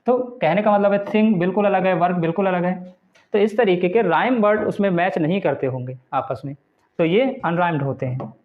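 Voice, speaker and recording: In a Hindi-language lecture, a high-voiced man covers English literature by slowly reading out English definitions and explaining them patiently afterward. The sound quality is tinny, like a phone.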